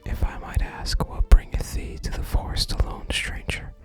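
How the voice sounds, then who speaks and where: In a hushed, breathy whisper, this gaming ASMR creator deliberately works through game dialogue and offers casual remarks, while game music plays behind.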